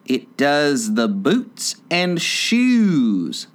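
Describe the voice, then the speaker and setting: A man voicing a solemn, impatient male griffin who talks slowly. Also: fairly high pitch, very animated, a bit bright, pitched above the performer's own voice, heavily acted. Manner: slow and solemn.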